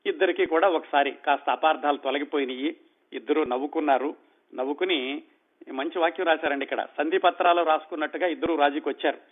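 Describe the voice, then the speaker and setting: A male storyteller retelling a novel in a conversational manner, acting out dialogue and pausing to comment. His voice sits a little high. The sound is narrow and tinny, like a phone line. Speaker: storyteller host.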